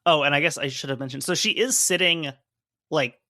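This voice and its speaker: A man with a bright, somewhat tense voice talks through a report in casual podcast chat, adding asides and fillers. His voice sits a little higher than most men's. The recording is dry and close. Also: brisk, dry recording. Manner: conversational, hedging with fillers while explaining. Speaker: podcast co-host.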